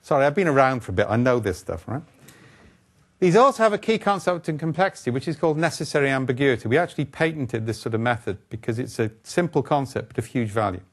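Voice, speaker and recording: An older man gives a keynote lecture on a conference stage, speaking into a lapel mic. He talks in a brisk, wry and blunt way, scattering asides and rhetorical questions through his points. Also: medium pitch, animated.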